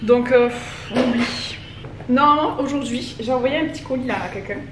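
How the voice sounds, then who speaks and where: Her voice is high-pitched, a bit bright, and a little fast as this French vlogger in her thirties chats rambling to camera. She's at home folding laundry, and the sound comes through a distant mic with roomy echo and background noise.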